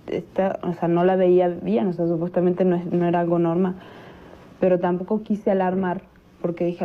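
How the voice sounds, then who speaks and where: A woman recounting events in an interview, halting and full of fillers and restarts, on a dull lo-fi recording. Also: on the low side. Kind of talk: recounted testimony.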